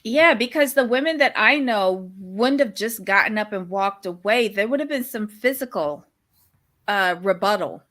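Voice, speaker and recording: A woman's voice: mid-range voice, animated, moderate pace, fairly bright tone. A woman co-hosting a reality-show recap, talking bluntly and sassily with exasperated reactions. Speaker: podcast co-host reviewing a reality show. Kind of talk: casual commentary chat.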